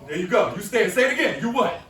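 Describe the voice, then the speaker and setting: A man's voice: sits high, big pitch swings, fast, a bit bright. A man leading a room of students in a call-and-response lesson, coaxing answers by repeating his questions with energy. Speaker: workshop speaker. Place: school classroom with students. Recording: echoey room from far off.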